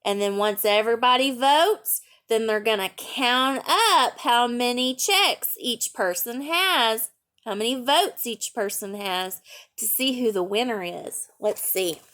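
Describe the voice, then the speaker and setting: This teacher reads a picture book to young children in a fairly high, bright voice that sounds a bit pushed, moving a little slowly. Along the way she chats, explains things simply and asks the kids questions.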